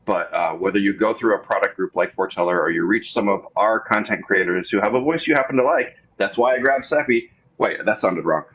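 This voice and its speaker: Low husky guy, chatty and upbeat, sounds kinda muffled and lo-fi. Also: brisk, few pauses, fairly bright tone. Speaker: guest, indie game publisher. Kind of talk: casual chat.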